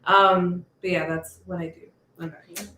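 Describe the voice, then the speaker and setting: A woman speaking casually on a livestream, halting, with many pauses and fillers. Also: lowish voice, flat delivery, fairly bright tone. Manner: halting, many ums and restarts. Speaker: organizer introducing themself. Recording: echoey room with faint noise.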